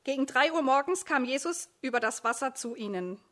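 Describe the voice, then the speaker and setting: A woman's voice: high-pitched, expressive, brisk, fairly bright tone. Woman preacher painting a vivid scene. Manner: dramatic, addressing listeners directly. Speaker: preacher, discipleship program leader. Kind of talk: sermon with vivid second-person storytelling.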